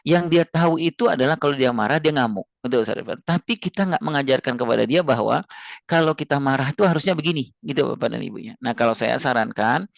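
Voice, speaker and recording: Male speaker, parenting lecture, gravelly and dry close sound, earnest, repeats key phrases. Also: animated, fast talker, dry recording. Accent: Indonesian. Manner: earnest, explains with repeated phrases, rises high when stressing points.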